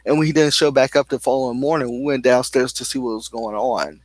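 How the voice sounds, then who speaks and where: A man's voice: mid-range voice, fairly even intonation, fast, no echo. Heated young man venting, dry sound. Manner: heated, rambling, full of fillers like "like" and "you know". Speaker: vlogger. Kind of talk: casual venting monologue.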